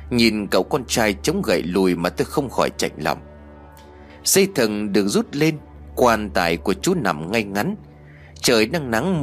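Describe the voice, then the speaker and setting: A man tells a ghost story in a dramatic, expressive way. His voice is fairly low but swings widely in pitch, and soft music plays underneath. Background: faint music.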